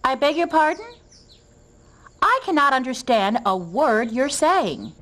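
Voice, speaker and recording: A woman's voice: sits high, animated, measured pace, fairly bright tone, a little hiss or hum. A woman doing a prim, genteel manners lady. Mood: instructive. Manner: genteel, sing-song, speaks advice in rhymes, calls others dearie. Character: prim, sweet older-fashioned lady manners expert. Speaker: manners advisor host. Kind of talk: children's show character acting.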